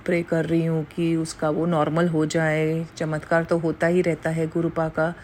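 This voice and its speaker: Earnest middle-aged woman, low flat voice. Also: normal speed, a little hiss or hum. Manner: mixes Hindi with English phrases, earnest and grateful. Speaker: devotee sharing testimony. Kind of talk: devotional testimony talk.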